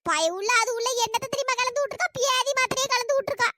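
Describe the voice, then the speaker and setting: A woman doing a shrill gossiping old village woman. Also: fast talker. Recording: noisy home recording.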